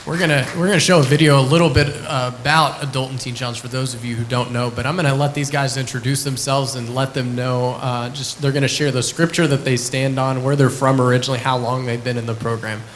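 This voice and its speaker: A ministry worker greets a congregation and shares his story. He talks in a relaxed, friendly way, with plenty of ums and uhs. His voice sits at an ordinary pitch over a faint hiss. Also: fast talker, few pauses, rough recording. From Lubbock, Texas. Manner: friendly, relaxed, hesitant with many fillers. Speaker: ministry staff member. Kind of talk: church testimony and introduction.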